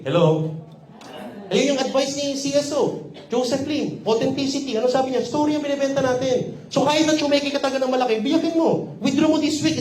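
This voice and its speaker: This man's voice is extremely high-pitched and a little mellow, with a Filipino accent. He's leading a sales training seminar in a company office training room, teasing the crowd and repeatedly checking in to make sure they keep up, and the room sounds echoey.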